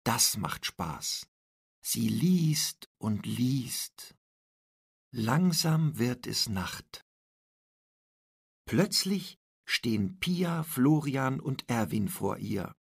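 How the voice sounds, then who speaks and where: Slow, gravelly-voiced male story reader. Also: mid-range voice, big pitch swings, dry recording, clean studio sound. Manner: clear, deliberate reading. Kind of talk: slow storybook narration for learners.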